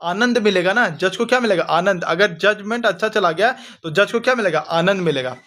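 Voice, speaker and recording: Pushed and bright, this man's high voice moves fairly quickly as he coaches exam students through memory tricks. He chats in a friendly manner, asks questions he answers himself, and calls students "bhai".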